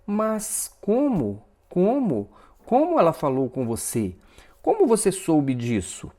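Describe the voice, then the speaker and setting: A man's voice: high-pitched, wildly swooping pitch, takes it slowly, warm tone, pitched above the performer's own voice, heavily acted. Man doing a wary, grieving young woman. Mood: distraught. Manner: sullen, guarded, pleading.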